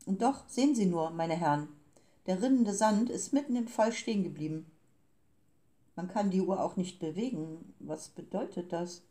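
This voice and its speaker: A woman's voice: fairly low pitch, expressive, moderate pace, mellow, lightly acted. A woman reading the lines of cold, businesslike grey men who steal time, in a clipped, formal manner. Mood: uneasy. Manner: clipped and formal, turning panicked.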